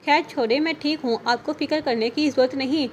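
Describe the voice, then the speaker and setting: A woman's voice: sits high, fairly quick, a little hiss or hum, lightly acted. A woman voicing a frightened young wife in an audio novel, speaking in a tearful, pleading way. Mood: bitter. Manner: pleading, sobbing.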